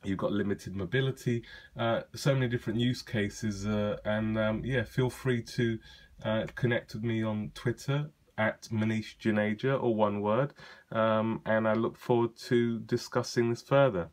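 This is a man with a fairly low voice, filming a casual tech demo. He talks in a loose, conversational way, pausing with frequent uhs and ums as he thinks. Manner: relaxed, chatty, many ums and uhs. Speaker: tech vlogger demonstrating a device.

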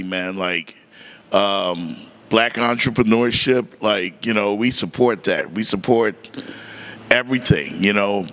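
Relaxed middle-aged man, low voice. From Miami, family from the Bahamas. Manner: easygoing, chuckling, drawn-out fillers. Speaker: sports reporter and podcast host. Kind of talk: casual interview. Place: bright indoor room by large windows. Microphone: handheld mic.

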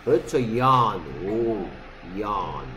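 A man teaching an English lesson in a classroom, checking often whether students follow and reading example sentences out slowly. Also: lowish voice, expressive, crowd noise, low-quality recording. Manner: keeps checking understanding with short questions.

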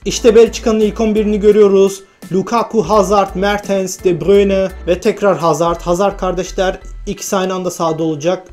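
High-voiced man commentating his own game. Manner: excited shouting on goals, then glum muttering to himself. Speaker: gaming YouTuber. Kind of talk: live gameplay commentary.

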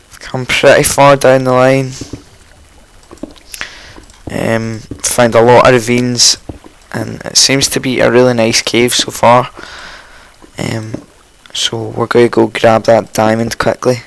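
A man with a croaky morning voice, casually commentating his own game, rambling and chatty with frequent ums and self-corrections. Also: mid-range voice, flat delivery, measured pace, dry recording, poor audio. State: just woken up, morning voice. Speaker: let's play host.

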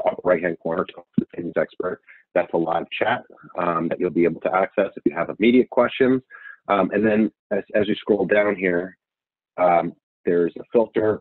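Man, very deep voice, dry phone-line sound, presenting slides, lots of ums. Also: slightly rough, no room sound. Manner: steady, filler-heavy delivery walking through slides. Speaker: membership director. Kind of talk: virtual town hall presentation. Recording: tinny phone-line audio.

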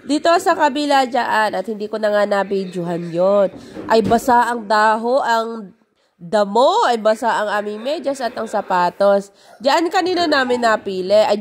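A middle-aged woman from the Philippines, chatting through a casual vlog voice-over of a family picnic, full of exclamations. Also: a little high. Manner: chatty, exclamatory, lots of "ay" and "o, tingnan nyo". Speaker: vlogger narrating family picnic video.

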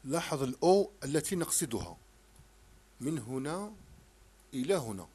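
A middle-aged man with an Algerian accent tutoring a child in French sounds, repeating each syllable slowly and firmly. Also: fairly high pitch, big pitch swings, dark tone, slightly rough. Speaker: teacher. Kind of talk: home French phonics lesson explained in Arabic.

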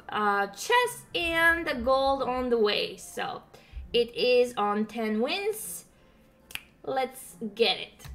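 Her sharp-toned, slightly high voice carries a Croatian accent as this young gaming streamer talks cheerfully through her own mobile game at her home desk. She's chatty and hums along while playing.

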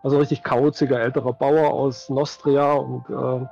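A middle-aged man's mid-range voice stays level at a moderate pace, with vocal fry and a slightly mellow tone, captured as lo-fi sound on a headset. He's a tabletop game master guesting on an interview over video call from his home, casually reflecting and hedging, with faint music behind him.

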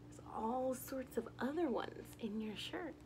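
Speaking to small children directly, a young woman reads a picture book in an expressive storytime manner from her living room. Her fairly high voice moves animatedly up and down at a slightly slow pace. The background is noisy.

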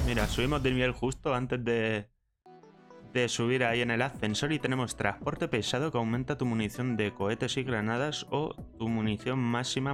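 A man's voice: mid-range voice, fairly bright tone. A young man from Spain commentating a video game play-through, exclaiming, swearing and laughing as he goes. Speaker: gaming streamer.

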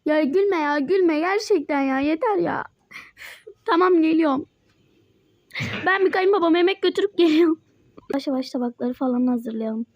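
A woman's voice: sits high, no echo, dull audio. A young female player doing casual, playful role-play chat in a mobile game. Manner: chatty, playful, quick back-and-forth. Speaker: Toca Life roleplay player voicing Mike.

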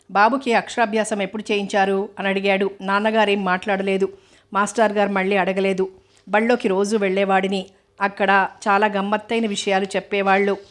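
Woman narrator for an audiobook novel: flat, level delivery, even pacing, unhurried storytelling. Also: mid-range voice. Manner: steady, even storytelling read.

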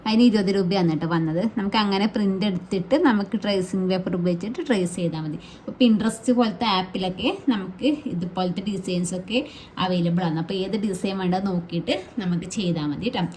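A woman's voice: fairly low pitch, fast talker, a little mellow, slight background noise. A woman teaching a fabric painting class in a chatty, reassuring way, often adding little tag words. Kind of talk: casual how-to tutorial.

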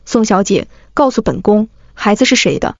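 A woman voicing a scheming young empress who asks slow, cold questions, in an audiobook. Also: mid-range voice, expressive, no echo. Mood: cold probing. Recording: dry, dull lo-fi.

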